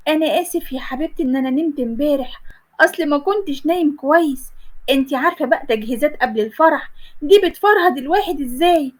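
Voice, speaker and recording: A sleepy young husband who loves his bed, sweet-talking his wife in a lazy, drowsy drawl with an Egyptian Arabic accent, as a woman storyteller puts him on. The voice sits high. It is a figure from a spoken storybook. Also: animated, quick pace. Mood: drowsy coaxing. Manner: drowsy, coaxing, affectionate.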